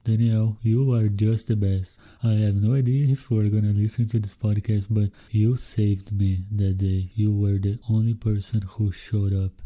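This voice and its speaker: A young Brazilian man with a mellow, fairly low voice hosts a solo podcast. Speaking with a Brazilian Portuguese accent, he addresses English learners directly and encouragingly.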